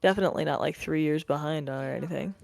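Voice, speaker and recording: Female player, lowish voice with heavy fry, wry casual table talk. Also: fast, a little mellow, no echo. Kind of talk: casual wry game chat.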